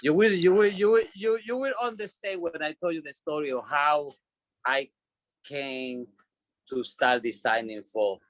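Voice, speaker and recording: On a low-quality recording, a man with a fairly high, fairly bright voice speaks a little slowly. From Puerto Rico and carrying a Puerto Rican Spanish accent, the doll designer tells his story as a casual interview guest, repeating and restarting words.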